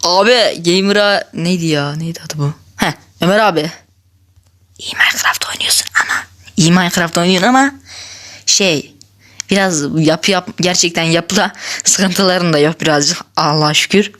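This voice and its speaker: Excitable woman chatting over gameplay. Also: lowish voice, normal speed. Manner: chatty and excitable, laughing often, talking straight to viewers. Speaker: gaming channel host. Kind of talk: casual gameplay commentary.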